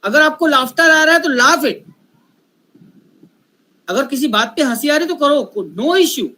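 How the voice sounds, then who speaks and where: Slow-talking high-voiced workshop trainer. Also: male voice, animated, pushed and bright, poor audio. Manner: unhurried, mixes Hindi and English, asks the audience questions. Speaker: public speaking trainer. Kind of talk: live workshop lecture.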